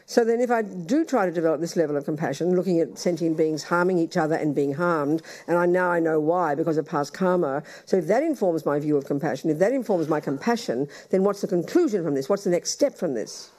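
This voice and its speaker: An older woman, a Buddhist nun, teaching in blunt, teasing short phrases, pausing for an interpreter. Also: low voice, a little mellow. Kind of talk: dharma teaching with live interpretation.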